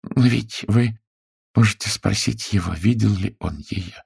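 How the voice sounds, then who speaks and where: Fussy fifty-year-old wife voiced by a man, creaky and husky, pitched up, audiobook role. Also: a little slow, a little mellow, dry recording, studio quality, full character voice. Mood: fretful. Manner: raised, sing-song pitch. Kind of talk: audiobook character voice.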